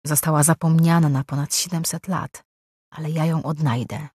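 A man's voice: fairly high pitch, steady tone, normal speed, slightly rough, no echo, clean studio sound. Woman reading a determined young mage. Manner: quiet, inward thoughts.

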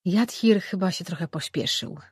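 A wary sorceress who answers with dry, wry retorts, read by an audiobook narrator. Her voice is husky and breathy. It sounds close and dry. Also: medium pitch, expressive, normal speed, no room sound.

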